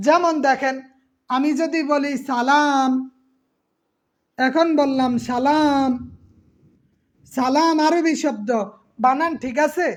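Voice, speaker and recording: A woman's voice: sits high, takes it slowly, long pauses. A woman teacher giving an exam-prep class, patiently repeating terms and quizzing her students.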